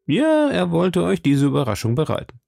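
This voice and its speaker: A cold, scheming agent who questions with open scorn, as a male reader puts him on, in a read-aloud storybook. The voice is gravelly and sits close to the mic in a dry, dead space. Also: a little high, wildly swooping pitch, moderate pace, a little mellow, no room sound, voice pushed up, full character voice. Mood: scornful. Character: scheming middle-aged male cardinal's agent.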